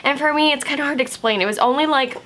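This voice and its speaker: A woman's voice: high-pitched, racing, bright, forceful tone. A young woman chatting casually to camera in makeup check-ins, full of "like"s and easy fillers. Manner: chatty, filler-heavy with many "like"s. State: slightly hoarse, just woken from a nap. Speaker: makeup vlogger.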